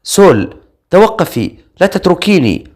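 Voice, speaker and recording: A man's voice: lowish voice, moderate pace, natural voice. A man reading an audiobook voices a frightened young woman who speaks in a trembling, fearful way. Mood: pleading.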